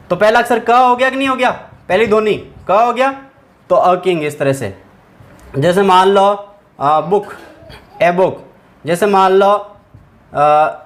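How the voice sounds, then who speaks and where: A man walks students through a grammar lesson. He explains patiently, putting questions to the class and answering them himself. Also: high-pitched. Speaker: teacher.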